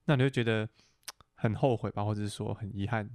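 A man's voice: on the low side, fairly even intonation, a little fast, a little mellow, no echo. A young man from Taiwan hosting a podcast, asking blunt, teasing questions in a casual interview chat. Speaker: podcast host.

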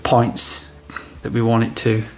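A man in his thirties, an electrician, gives an on-site product demonstration in a small room inside a house. His mid-range voice is completely flat and slow as he practically talks through the job step by step.

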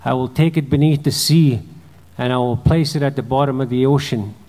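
A man voicing a male salmon in a told legend, with a low, subdued storytelling delivery. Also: fairly even intonation, fairly quick, mellow, lightly acted. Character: male salmon, quiet and helpful. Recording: long hall reverb.

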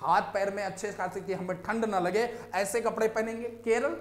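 A man's voice: high-pitched, fairly even intonation, moderate pace, roomy sound. A man teaching an exam-prep lecture, explaining step by step and often checking in with his students.

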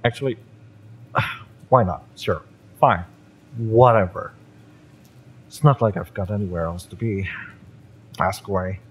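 In a romance audio roleplay addressed to the listener, a man with a deep voice plays a fiery, bitter young mercenary. He speaks unhurriedly with long pauses, sardonic, taunting, and impatient, sighing and swearing; a faint hiss or hum sits in the audio.

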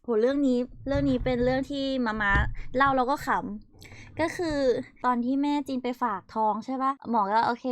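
A woman's voice: a little high, fairly bright tone, smooth, dry recording. A young woman casually telling stories while showing old photos, chatty and often laughing. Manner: giggly, chatty, frequent laughter and quick asides. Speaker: streamer.

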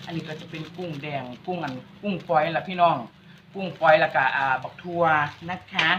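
A woman's voice: low voice, brisk, a bit bright, slight background noise. Chatty Isan woman, lo-fi sound. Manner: chatty, teasing, talks straight to viewers. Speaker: vlog host. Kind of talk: casual cooking vlog chat. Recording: dull lo-fi recording.

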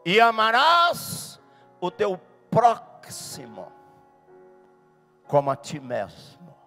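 A man voicing a proud, showy teacher of the law who recites scripture slowly and solemnly. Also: sits high, huge pitch swings, pushed and bright, long reverb tail, faint music behind, full character voice.

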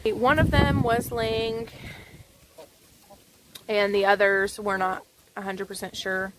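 A woman's voice: mid-range voice, fairly even intonation, takes it slowly, noisy background. A woman in her twenties chatting and explaining chicken care at her coop, filmed on a phone at arm's length outdoors. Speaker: homestead vlogger. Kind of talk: casual vlog narration. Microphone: phone held at arm's length. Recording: clucking chickens and clicks behind.

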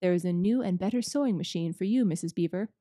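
A woman voicing Father Christmas, slow and stately, in a storybook reading. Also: on the low side, mellow, no echo, clean studio sound, lightly acted. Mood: solemn, kindly. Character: huge, kindly, solemn old Father Christmas.

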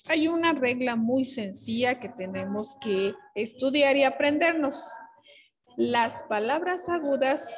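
A woman's voice: fairly high pitch, low-quality recording. A young adult woman teaching a grammar lesson in a patient, explanatory way, often checking in with her students.

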